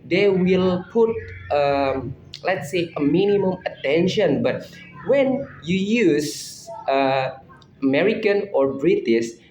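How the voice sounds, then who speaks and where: A man's voice: on the high side, darkish tone, slight background noise. A young man with an Indonesian accent casually answering assignment questions, reflective and often restarting his sentences. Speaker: student. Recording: roomy, slightly dull recording.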